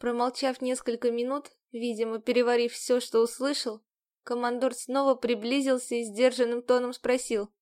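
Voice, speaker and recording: A woman narrating an audiobook in the first person, with even, measured storytelling. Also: on the high side.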